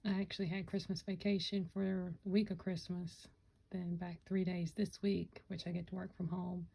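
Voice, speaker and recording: A woman's voice: fairly low pitch, little pitch movement, moderate pace, vocal fry, mellow, slightly rough, rough recording. A woman chatting casually to camera about her Lego builds, rambling and correcting herself, with hiccups. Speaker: Lego vlogger. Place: home Lego room.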